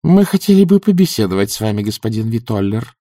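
A man's voice: on the low side, big pitch swings, quick pace, warm tone, dry recording. A man voicing a stern, proud old witch who speaks curtly and guardedly. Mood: wary. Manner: curt, dry and guarded.

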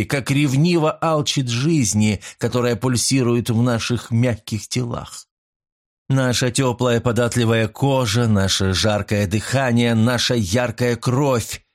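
A man reading a first-person novel aloud with a hushed, intimate, drawn-out delivery. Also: medium pitch. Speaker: audiobook narrator.

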